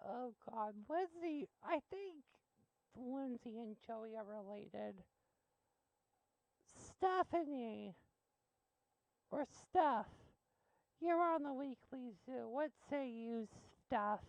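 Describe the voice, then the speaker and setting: A woman's voice: a little high, expressive, slow pace, gravelly, pauses often, darkish tone, dry recording, poor audio. A woman hosting a call-in show, blunt and joking, rambling between callers. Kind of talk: casual call-in radio chat.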